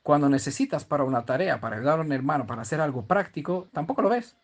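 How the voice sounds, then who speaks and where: A man's voice: fairly high pitch, lively intonation, fast. A man from teaching scripture in a conversational way, often stopping to check that his listeners follow and restarting his sentences. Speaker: Bible teacher.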